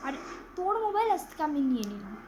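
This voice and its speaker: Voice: high-pitched, big pitch swings, fast talker, darkish tone, slight background noise, rough recording. A child playing a strict scolding mother. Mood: threatening. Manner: bossy, threatening, nagging. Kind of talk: pretend-play role-play. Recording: clear background music.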